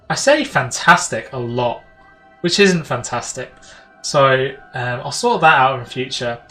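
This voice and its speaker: A man's voice: mid-range voice, bright, forceful tone, far from the mic. British man rambling over game music. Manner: rambling, informal, self-deprecating, swears. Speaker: let's play host. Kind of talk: casual gameplay commentary. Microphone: home gaming voice-over mic.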